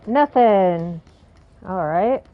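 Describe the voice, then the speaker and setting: A woman's voice: medium pitch, lively intonation, extremely slow, phone-quality sound. A woman giving casual gameplay commentary, playful and muttering as if talking to herself. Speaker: video game player commenting on play.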